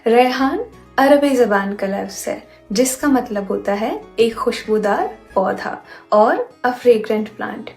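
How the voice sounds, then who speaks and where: A woman teaching vocabulary in a slow lesson reel. She says each word carefully and corrects common words one by one. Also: a little high, vocal fry, darkish tone. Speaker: language teacher. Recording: echoey room with faint background music.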